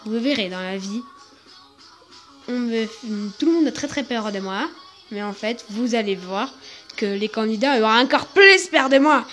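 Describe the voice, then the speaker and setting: A woman with a high voice narrates a toy show in a soft, hushed way. Faint music runs under her quiet directions.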